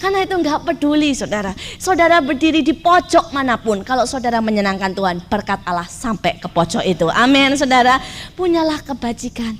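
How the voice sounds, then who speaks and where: A woman's voice: sits high, lively intonation, fairly quick. A middle-aged woman preacher telling a story in a sermon, often turning to her listeners directly. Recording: faint background noise.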